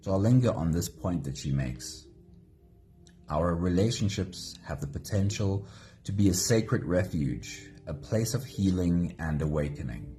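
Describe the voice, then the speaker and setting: A very deep-voiced man leads a live guided meditation at an unhurried pace. His tone is mellow and gentle. Soft music plays faintly behind him. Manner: slow, gentle, greets viewers by name. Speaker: meditation host.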